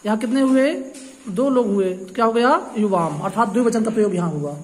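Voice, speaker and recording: A woman's voice: mid-range voice, a little fast, darkish tone. A woman teaching a grammar lesson, explaining patiently and asking questions that she answers herself. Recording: echoey room with long reverb.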